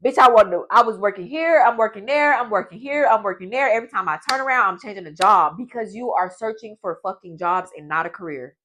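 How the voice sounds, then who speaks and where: A woman's voice: medium pitch, animated, fast talker, hardly any pauses, pushed and bright, a little hiss or hum. A woman, giving a blunt, profane motivational pep talk in a vlog. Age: 20s. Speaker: vlogger.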